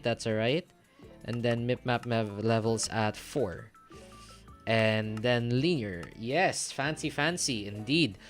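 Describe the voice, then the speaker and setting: A man's voice: mid-range voice, fairly bright tone. A man in his twenties chatting casually while streaming a game, hesitant, with many ums and restarts. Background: faint game music.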